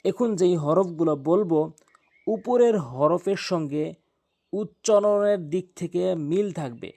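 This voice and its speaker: Guy teaching quran letters, slightly high voice, says each sound over and over, close mic. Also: creaky, darkish tone. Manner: repeats each letter slowly and patiently. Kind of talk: step-by-step pronunciation lesson.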